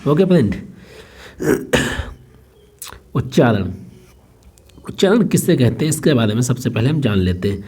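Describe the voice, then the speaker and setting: A man's voice: medium pitch, big pitch swings, measured pace, long pauses, mellow, slightly rough. A young man teaching an online exam-prep lesson, explaining each point twice and restarting phrases.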